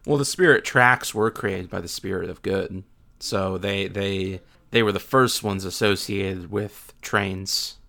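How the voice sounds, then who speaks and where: A woman's voice: extremely low pitch, measured pace, creaky, fairly bright tone. A woman co-hosting a casual podcast chat, reading listener emails with playful asides. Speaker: podcast co-host.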